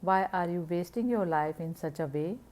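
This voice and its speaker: A woman's voice: fairly low pitch, normal speed, a little mellow, natural voice. A woman reading as a reproachful male teacher.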